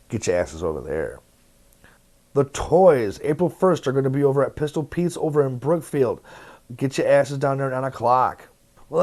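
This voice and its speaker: A man's voice: medium pitch, a little mellow. A man hosting a local entertainment news show, bluntly rattling off event listings with plenty of profanity.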